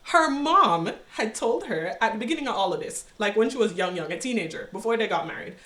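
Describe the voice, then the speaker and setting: A woman's voice: mid-range voice, expressive, fairly quick, a bit bright, reverberant. A woman recapping a series in casual, sassy commentary, with chatty laughing asides. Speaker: recap host.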